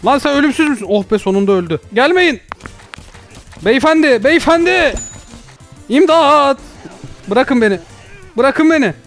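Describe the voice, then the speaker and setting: A man's voice: very high-pitched, expressive, normal speed, soft background music. A young man doing jokey let's play commentary, panicking, yelping for help and joking at the game. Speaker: gaming YouTuber.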